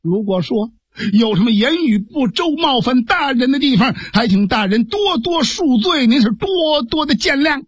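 A shrewd, fretful sworn brother from an old storytelling tale, acted by a male storyteller, voice pitched up high and pressing hard. His words come quick and insistent, earnest and pleading, the sound husky and close and dry. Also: lively intonation, dry recording, heavily acted. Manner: raised, rapid, insistent pleading.

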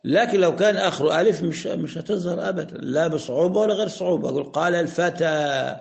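A man with an Egyptian accent teaching Arabic grammar. He asks questions, answers them himself, and slows down to spell out example sentences. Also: high-pitched, vocal fry, a little mellow. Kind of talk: explanatory lesson.

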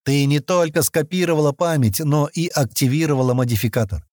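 A man doing a smug, brisk leader. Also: fairly high pitch, darkish tone, no echo, clean studio sound, pitched above the performer's own voice, natural voice. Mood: explaining. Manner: briskly explaining, commanding.

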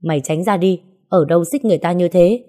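A woman's voice: lowish voice, fast, dark tone, lightly acted. A woman voicing a brusque, dismissive man in an audio story who talks down to a young woman. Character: rough man, older brother type, dismissive.

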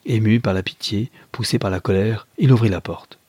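A man reads a classic novel aloud in a measured, steady narration. His voice is low and husky, and the recording is dry and close with no room echo. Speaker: audiobook reader.

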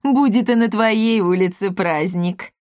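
A woman's voice: medium pitch, measured pace, a little mellow, no room sound, clean studio sound, lightly acted. A woman voicing a cheerful, boastful and clueless father who is pleased with himself. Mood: blustering.

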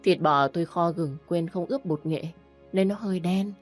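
A worn-down older mother-in-law played by a woman narrator in an audio story. Her low voice stays plain and defensive. She sounds weary. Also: moderate pace, soft background music, lightly acted.

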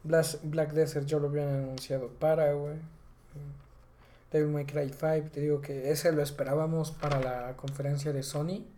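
A hoarse man with a Mexican accent co-hosting a casual gaming podcast, full of slang. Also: on the high side, level tone, moderate pace, mellow, slight background noise. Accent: Mexican Spanish. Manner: slangy, says güey constantly. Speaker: podcast co-host.

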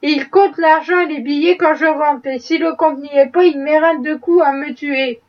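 A woman voicing a bitter, gruff old woman who talks in a surly, grumbling way. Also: steady tone, moderate pace, lightly acted. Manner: surly, grumbling, low muttering. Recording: dull, distant-sounding audiobook recording.

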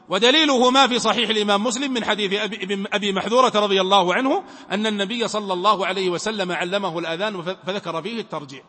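High bright-voiced sheikh teaching. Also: male voice. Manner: emphatic, poses questions to students and answers them. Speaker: sheikh teaching Islamic law. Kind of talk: religious lesson. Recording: long reverb from a hall.

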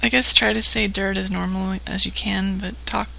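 Gravelly-voiced woman hosting late at night. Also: medium pitch, steady tone, moderate pace, bright, forceful tone, a little hiss or hum, low-quality recording. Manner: loose, unprepared, chatty. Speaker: host. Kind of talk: casual late-night chat.

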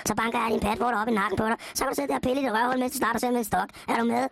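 Woman, gravelly, foul-mouthed, threatening, comedy sketch. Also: a little high, steady tone, no room sound. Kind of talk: prank phone-line comedy sketch.

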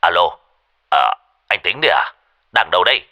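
A man's voice: deep voice, very animated, normal speed, pushed and bright, dry recording, studio quality, pitched below the performer's own voice, heavily acted. A man voicing a brusque rural policeman giving urgent orders over the phone in a storybook tale. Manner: curt, urgent.

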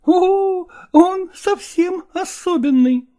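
A woman's voice: very high voice, slow, mellow. A woman playing a stubborn, tearful young wife arguing with her father in a dramatized reading, emotional and defiant.

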